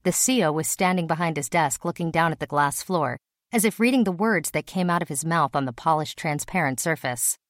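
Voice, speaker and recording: A woman narrating a story in a steady, even reading voice. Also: sits low, a little fast, no echo, clean studio sound. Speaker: audiobook narrator. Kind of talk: scripted narration.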